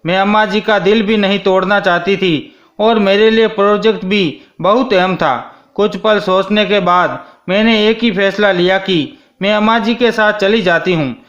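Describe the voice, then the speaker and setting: A man narrating a first-person story in a steady, scripted reading. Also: sits high, normal speed. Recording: dull lo-fi sound.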